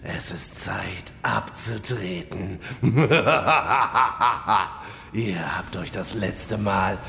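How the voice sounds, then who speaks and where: Villain boss for fantasy comedy: vain demon overlord, very slow, heavy creak, gloating commands. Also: male voice, fairly low pitch, exaggerated voice. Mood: menacing, gloating. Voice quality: gravelly. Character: boastful demon villain boss with hooves, male, theatrical and vain. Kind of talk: scripted fantasy comedy dub. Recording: echoey hall reverb, faint noise.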